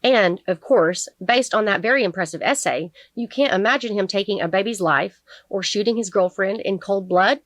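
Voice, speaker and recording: A woman voicing a sharp, relentless female prosecutor who presses a witness with pointed, needling questions. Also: mid-range voice, normal speed, hardly any pauses, no room sound, close to an everyday voice. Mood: pressing. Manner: pointed, needling cross-examination.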